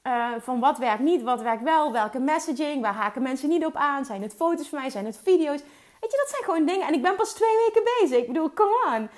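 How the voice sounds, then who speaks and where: Woman, high voice, energetic solo business-coach podcaster. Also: fairly quick. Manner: energetic, mixes English words into Dutch, emphatic repetition. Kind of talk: solo motivational podcast talk.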